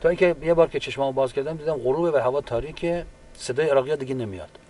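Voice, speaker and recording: A man, a wounded war veteran, giving a halting, unhurried personal account with frequent restarts. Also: medium pitch, mellow. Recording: distant mic with faint background ambience.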